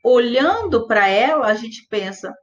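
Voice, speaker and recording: A woman teaching an English grammar lesson, explaining patiently step by step, checking that students follow and slowing down to spell out example words. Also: fairly high pitch, lively intonation, highs cut off. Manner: patient, step-by-step, checks understanding with "tudo bem?" and "certo?". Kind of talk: classroom-style grammar explanation.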